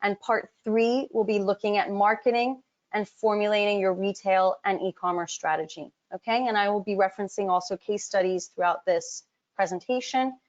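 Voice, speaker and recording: A woman's voice: mid-range voice, normal speed. Chatty woman on dull lo-fi webinar audio. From Hong Kong. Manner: chatty, direct, addresses the audience often, frequent ums. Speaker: business advisor presenting a webinar. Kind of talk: live webinar presentation. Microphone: computer mic on a web call, camera off.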